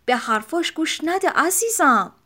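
A soft, reassuring storybook mother, read by a woman narrator. Her voice is lively and fairly high, gentle and comforting. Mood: soothing. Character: gentle, soothing mother of a little girl.

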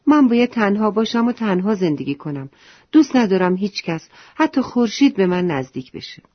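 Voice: medium pitch, very animated, no echo, voice pushed up. A storyteller voicing a proud, stubborn little poppy flower in a children's story. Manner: insistent, fast and raised. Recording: dull lo-fi recording with faint music.

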